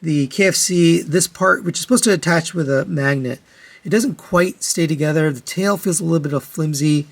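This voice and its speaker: Hosting as a toy reviewer, a man compares products one step at a time, matter-of-fact and conversational. His slightly high voice carries vocal fry, and he keeps a moderate pace.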